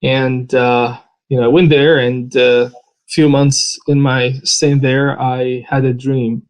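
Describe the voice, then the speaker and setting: A man from Saudi Arabia with a Saudi Arabian accent and Arabic as his first language, giving an earnest personal testimony in an interview, pausing often with "uh". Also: mid-range voice, little pitch movement, rough recording. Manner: earnest, halting, with many "uh" pauses.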